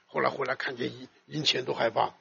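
Man preaching, animated, loud then hushed, keeps asking the crowd questions, gravelly edge, muffled recording. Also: fast talker. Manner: animated, swings between loud emphasis and soft low asides, asks the audience questions. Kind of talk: expository sermon. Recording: dull lo-fi recording.

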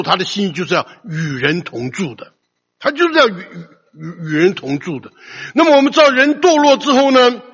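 An older man preaches a sermon in a loud, emphatic voice that sits high and swoops up and down. His tone is gravelly and husky, and the recording is dull and lo-fi with a long hall reverb trailing each phrase.

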